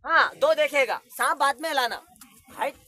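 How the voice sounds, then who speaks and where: A young man performing as a street magician, barking patter loudly at a gathered crowd outdoors. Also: very high voice, moderate pace. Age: young adult.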